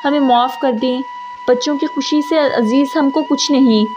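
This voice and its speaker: A woman reading a calm, reasonable father. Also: high-pitched, moderate pace, close to an everyday voice. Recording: dull lo-fi audio with music.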